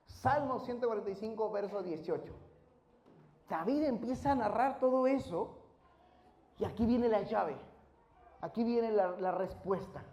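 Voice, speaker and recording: A male pastor preaching a sermon, quizzing the congregation and rising to shouted praise. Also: sits high, highs cut off. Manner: asks the congregation questions and builds to shouted praise. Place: church hall. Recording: roomy church echo.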